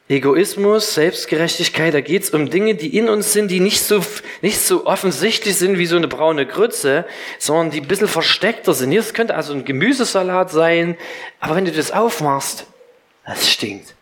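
A middle-aged male pastor delivering a sermon to a congregation in a church. His voice sits high for a man. He talks straight at his listeners and mixes teaching with everyday stories from home. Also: normal speed. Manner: lively storytelling preacher, direct address.

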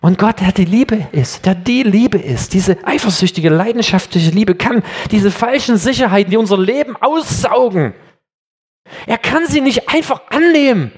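A man preaching an earnest sermon, speaking emphatically and slowing down for dramatic weight. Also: high voice, expressive, husky.

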